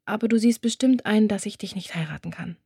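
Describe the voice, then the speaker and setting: A woman voicing a frightened young woman who pleads, high and strained, to be let go, in an audiobook reading. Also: a little fast, gravelly, darkish tone, husky, dry recording, studio quality. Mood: pleading. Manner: high, pleading, rising to screams. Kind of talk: audiobook character voice.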